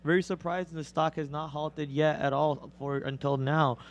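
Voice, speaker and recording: Calling out prices as they move, a young day trader co-hosting a live stream talks through his trades. The commentary is rapid and excited, getting loud and high as stocks move, and a cold has made his voice raspy.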